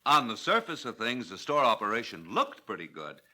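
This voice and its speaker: An actor playing a cheerful, folksy store manager, eager and chummy, in scripted training-film dialogue. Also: male voice, medium pitch, huge pitch swings, brisk, pushed and bright, heavily acted. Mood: chummy, earnest.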